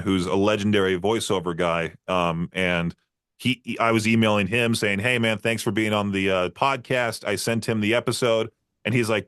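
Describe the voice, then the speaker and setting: On a podcast he hosts, a man with a fairly low voice that's fairly bright, clear and resonant rambles through long stories in a casual interview chat, often laughing and filling pauses. Audio is studio quality, without room sound.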